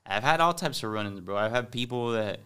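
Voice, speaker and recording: Fast, bright-voiced Miami man telling stories. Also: mid-range voice, clear, resonant tone. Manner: animated storyteller, acts out encounters, slips into Spanish. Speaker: podcast guest, comedy influencer. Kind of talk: casual podcast chat.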